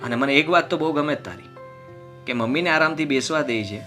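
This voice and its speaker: An actor playing a calm young husband and brother who reasons with his family in a gently firm way, in a family drama. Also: fairly high pitch, fast, soft background music.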